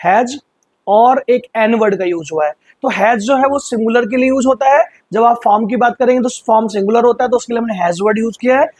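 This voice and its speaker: A man teaching English vocabulary in Hindi, explaining patiently and slowly repeating words for pronunciation. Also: extremely high pitch, darkish tone, dry recording. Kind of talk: vocabulary lesson.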